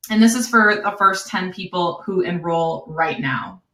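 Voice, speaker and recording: Wisconsin woman, webinar sales pitch, bright forceful voice, echoey room. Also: animated, measured pace. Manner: upbeat, chatty, laughs often. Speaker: online course host.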